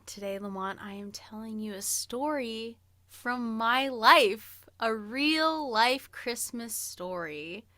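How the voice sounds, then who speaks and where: A woman in her early thirties co-hosts a podcast, telling a personal story in a chatty, playful, self-deprecating way. Her voice is on the high side, slow and sharp-toned, captured in a dry, studio-quality recording.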